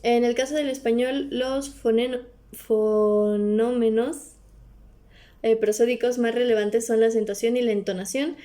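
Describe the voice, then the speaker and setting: A woman's voice: a little high, fairly even intonation, measured pace, warm tone. A woman giving a class presentation, reading with hesitations, fillers and frequent self-corrections.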